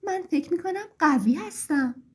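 A woman's voice: very high voice, expressive, voice pushed up. A woman voicing the sun as a proud, boastful figure in a storybook.

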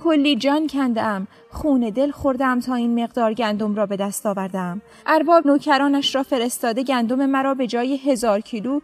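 A woman's voice: high voice, few pauses, faint music behind, lightly acted. A woman voicing a poor old bearded farmer who humbly pleads with a governor. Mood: pleading.

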